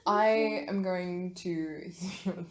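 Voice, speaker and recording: Woman game master, lowish voice, roomy sound, halting narration full of fillers. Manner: hesitant, filler-heavy narration. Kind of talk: narrating a tabletop horror game.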